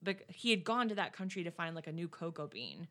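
A woman co-hosting a casual podcast, playful and quick to laugh. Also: lowish voice, very animated, fairly bright tone. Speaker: podcast co-host. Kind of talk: casual chat.

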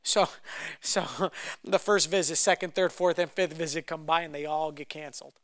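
Preaching and recounting a personal story, this young native Romanian speaker often stumbles back over repeated words on his way to loud, impassioned stretches. He speaks at normal speed in a fairly high, steady voice. The sound is clean and studio-like, with no echo.

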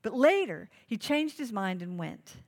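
A woman's voice: medium pitch, sing-song, unhurried. A woman pastor preaching a sermon, stressing key phrases by repeating them and putting direct questions to her listeners. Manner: emphatic, repeats key phrases for note-taking.

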